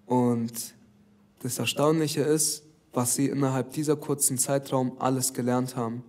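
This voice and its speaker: Male dance trainer, earnest, mid-pitched, slightly halting interview delivery. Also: darkish tone, a little hiss or hum. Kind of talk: documentary interview.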